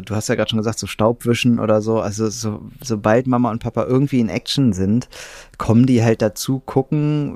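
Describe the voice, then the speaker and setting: A man's voice: medium pitch, warm tone, dry recording. A man in a casual conversation, explaining things thoughtfully with frequent fillers.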